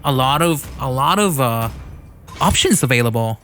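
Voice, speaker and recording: A man's voice: mid-range voice, expressive, normal speed, a bit bright. A man casting an online mobile esports final in a chatty, laughing way. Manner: chatty, laughs often, thanks sponsors. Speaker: esports caster. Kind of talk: casual esports commentary. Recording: online stream with game music behind.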